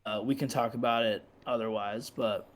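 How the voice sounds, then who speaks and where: A man's voice: medium pitch, fairly even intonation, moderate pace. A man playing a tabletop game, describing his character's actions politely with some hesitation. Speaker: player. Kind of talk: casual game chat.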